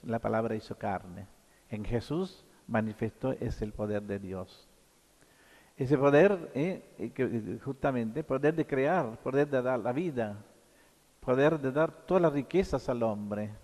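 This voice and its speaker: Male priest, mid-pitched, halting sermon full of tag questions, long church echo. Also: darkish tone. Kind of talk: sermon at Mass.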